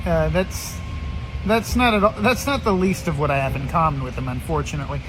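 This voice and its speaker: High-voiced man ranting, profane and scornful. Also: music in the background, low-quality recording. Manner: profane, scornful, halting with repetitions. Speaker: solo ranter recording himself. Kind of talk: rambling rant vlog. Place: riding on a commuter train. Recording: loud train rumble and vehicle noise. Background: train noise and station announcements.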